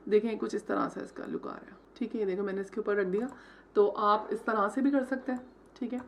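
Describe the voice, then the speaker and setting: A woman's voice: mid-range voice, fairly even intonation, brisk, vocal fry, a little hiss or hum. A woman teaching logo design step by step, mixing English terms into her Hindi and checking in with "theek hai" after each step. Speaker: design tutor. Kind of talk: screen-recorded software tutorial.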